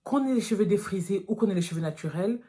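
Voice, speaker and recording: A woman in her thirties, raised in France, speaks straight to camera in a relaxed vlog. Her talk is frank and direct. She addresses her viewers as girls, at a middle pitch for a woman. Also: fast. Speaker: natural hair vlogger.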